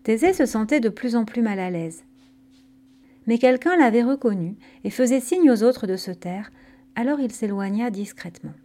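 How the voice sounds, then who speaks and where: A woman narrating a scripted myth story in a calm, gentle storytelling manner. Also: a little high, normal speed.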